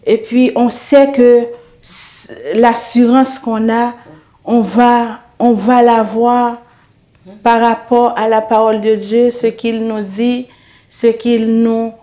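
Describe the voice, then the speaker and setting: A middle-aged woman speaks slowly and evenly, her voice mellow and dark with little rise or fall. She shares an earnest faith testimony, hesitating and repeating words as she gathers her thoughts. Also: on the high side, flat delivery. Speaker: interview guest giving a testimony.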